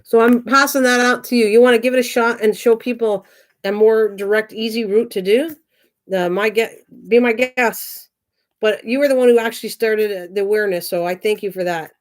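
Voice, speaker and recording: A sixty-year-old woman with a voice on the high side speaks at a moderate pace with fairly even intonation while hosting her craft channel live. In a rambling, chatty way, she reads comments and replies to viewers by name.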